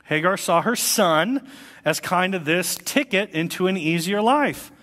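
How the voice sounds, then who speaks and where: A man preaches from a church stage, telling a story and jumping into voices for its people. His voice sits a bit high for a man. The sound carries a long reverb from the hall. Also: a little slow. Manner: animated storytelling, acting out voices. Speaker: pastor. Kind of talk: sermon. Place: church sanctuary.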